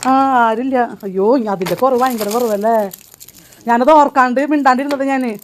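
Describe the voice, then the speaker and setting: A woman's voice: fairly high pitch, fairly quick, slight background noise. Chatty woman with a Thrissur accent. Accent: Thrissur Malayalam. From Kerala. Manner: chatty, coaxing, affectionate with elders. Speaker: vlogger. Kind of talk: casual vlog chat. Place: old age home.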